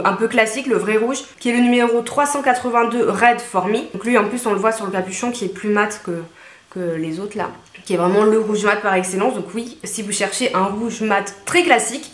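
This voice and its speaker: A woman's voice: fairly high pitch, roomy sound. A woman reviewing beauty products in a chatty, casual vlog from her home, with frequent fillers and asides. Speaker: beauty vlogger.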